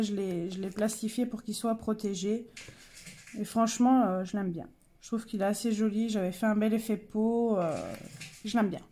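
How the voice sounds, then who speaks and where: A woman's voice: fairly high pitch, dark tone, slight background noise. A young woman casually showing her coloring pages, chatty and hesitant, with many fillers and self-corrections. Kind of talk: casual show-and-tell.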